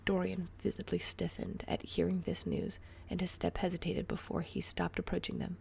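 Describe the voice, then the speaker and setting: A woman reading a story aloud in a soft, breathy whisper. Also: lowish voice, flat delivery, moderate pace, a little hiss or hum. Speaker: story reader.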